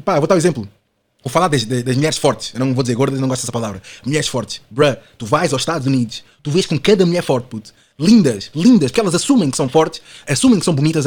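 A man's voice: on the high side, a little mellow. A man in his twenties with a European Portuguese accent, a podcast guest chatting casually in slangy, rambling talk full of fillers and tag questions. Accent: European Portuguese, Lisbon slang. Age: 20s.

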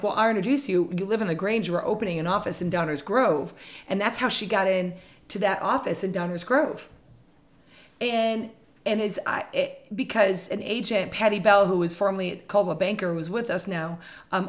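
A woman with a slightly raspy, medium-pitched voice chats on a relaxed podcast. Enthusiastic and talkative, she speaks as a leader in real estate.

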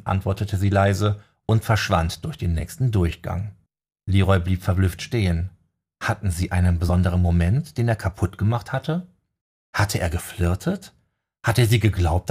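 A man narrating a novel as an audiobook reader in measured storytelling. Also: low voice, a little mellow, slightly rough. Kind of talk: scripted narration.

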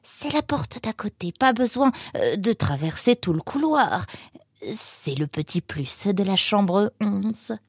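Une renarde servante, grande et maigre, terrifiée de mal faire, jouée par une femme. Sa voix soufflée et sèche bafouille, presque inaudible, dans un livre audio. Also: female voice, a little high, very animated, measured pace, hardly any pauses, husky, no room sound, studio quality, voice pushed up, full character voice. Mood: timid. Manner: hesitant, stammering, almost inaudible. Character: tall thin timid vixen servant.

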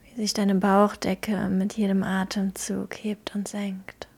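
Female meditation guide: hushed, husky-breathy near-whisper, gentle delivery with unhurried pauses. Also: medium pitch, completely flat delivery. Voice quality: soft, breathy. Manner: gentle, hushed, slow pauses between phrases. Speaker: podcast host guiding a meditation.

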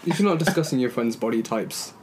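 A man's voice: medium pitch, animated, fast talker, noisy background. A young man, co-hosting a podcast in casual chat, rambling with restarts. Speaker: podcast co-host.

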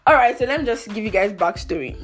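A woman's voice: medium pitch, fast talker, faint music behind. A young woman with a Nigerian accent casually telling anecdotes, expressively acting out what people said. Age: young adult. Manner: expressive, acts out quoted dialogue.

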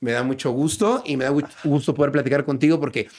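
A man's voice: medium pitch, steady tone, quick pace, a little mellow. A man hosting a podcast, friendly and affirming, chiming in with short replies. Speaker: podcast host. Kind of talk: casual podcast chat.

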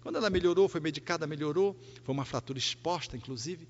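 A man's voice: fairly high pitch, quick pace, a little hiss or hum. A man giving a Spiritist lecture, emphatic and repetitive, often acting out quoted voices. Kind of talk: public lecture. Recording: reverberant hall, dull lo-fi sound.

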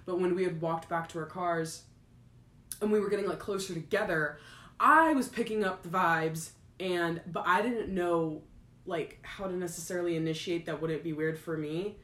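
A woman's voice: lowish voice, moderate pace, a bit bright, echoey room. A young woman in casual chat, telling a rambling story full of fillers.

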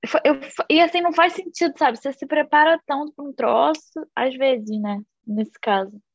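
A woman, co-hosting a podcast in a relaxed, frank, chatty way. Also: sits high, normal speed, no room sound, lo-fi sound. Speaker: podcast co-host. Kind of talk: casual chat.

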